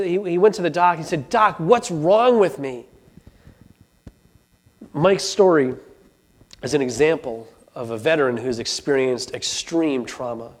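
A man with a somewhat high voice tells a story to an audience. He is earnest and often stumbles, restarting phrases and repeating words as he goes. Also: darkish tone. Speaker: speaker. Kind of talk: storytelling talk.

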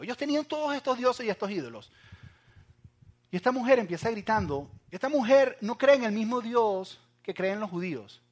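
High-voiced man preaching with big swings. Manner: dynamic preaching, swinging from loud acted cries to hushed asides. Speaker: pastor. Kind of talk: sermon.

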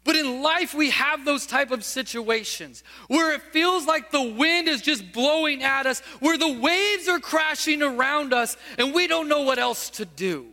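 Male pastor with a very high, bright voice, preaching in a storytelling way. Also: animated, a little slow, few pauses, long reverb tail. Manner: storytelling, asks the listeners questions. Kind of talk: sermon.

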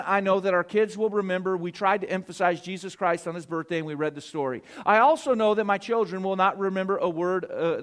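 A middle-aged man preaching a sermon, earnest and animated, telling stories with asides and restarts. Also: high-pitched. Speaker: pastor.

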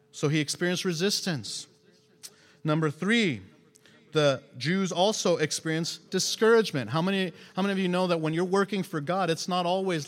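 A man preaching a sermon as a pastor, animated, acting out scripture quotes and asking the congregation questions. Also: high voice, big-room sound.

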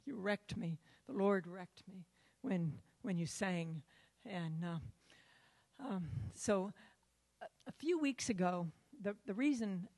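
A woman in her seventies giving an earnest church testimony, halting and often repeating her words. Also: mid-range voice, vocal fry, a little mellow. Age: 70s.

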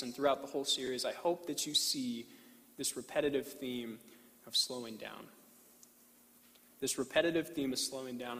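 A man preaching a sermon and reading scripture as a pastor, deliberately, with pauses and repeated phrases. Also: medium pitch. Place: large reverberant room, speaking to a congregation. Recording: reverberant hall.

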